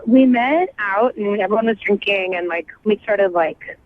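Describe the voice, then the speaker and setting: A woman's voice: medium pitch, normal speed, slight background noise. A woman calling in to a radio show, chatting casually with lots of filler words over the phone. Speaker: caller. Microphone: telephone. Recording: tinny phone line.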